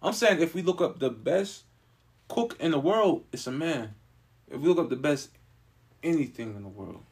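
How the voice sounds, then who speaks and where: Guy on a podcast, kinda high voice, loud, keeps repeating himself to get a word in. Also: expressive, normal speed, breathy edge. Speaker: podcast co-host. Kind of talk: casual chat.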